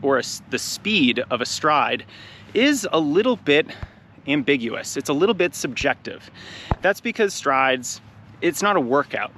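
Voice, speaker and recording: Slightly out of breath, a male running coach talks nonstop to a handheld camera he carries while running across an outdoor grass field near traffic. His medium-pitched voice is energetic and encouraging as he gives instructions, with a faint hiss or hum in the recording.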